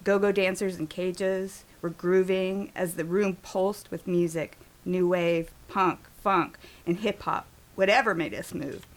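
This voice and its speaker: A woman's voice: fairly low pitch, fairly even intonation, measured pace. A woman in her fifties reading her own memoir aloud at a writing workshop, telling it expressively with dramatic emphasis.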